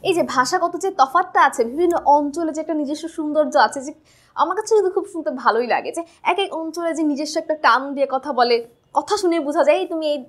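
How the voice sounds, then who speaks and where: Bangladeshi woman teaching a textbook lesson, talks fast, keeps asking "right?". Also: high voice, a bit bright. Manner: chatty, asks "right?" to check understanding. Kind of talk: explaining a school textbook chapter.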